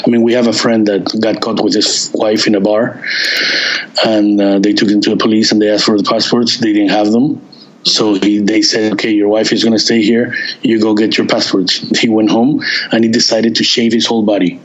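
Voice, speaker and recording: A man with a fairly low voice chats as a guest in an interview. He talks haltingly, often restarting and hunting for the word. The audio sounds dull and lo-fi. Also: flat delivery. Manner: halting, restarts and searches for words. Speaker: touring band member, guest. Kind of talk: casual interview chat.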